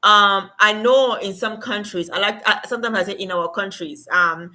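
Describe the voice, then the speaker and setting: Woman livestream host from Cameroon, conversational with fillers, bright sound. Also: medium pitch, moderate pace. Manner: chatty, many fillers, talks to viewers in chat. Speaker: livestream host and remote work coach. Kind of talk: casual livestream advice.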